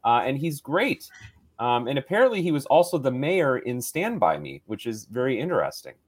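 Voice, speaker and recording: A man's voice: medium pitch, very animated, normal speed. Man, podcast co-host, casual movie chat, enthusiastic, rambling, many ums and uhs.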